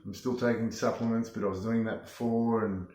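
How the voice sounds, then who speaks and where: A man's voice: lowish voice, steady tone, brisk, a little mellow. A man giving a casual, plain-spoken testimonial, feeling his way through his phrases a little hesitantly. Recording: echoey room.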